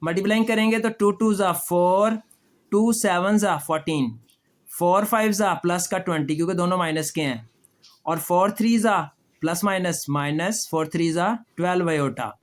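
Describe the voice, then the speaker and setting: Male math tutor, high voice, patient step-by-step lecture. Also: normal speed. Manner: patient, addresses students as children, repeats questions and answers them. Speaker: math teacher.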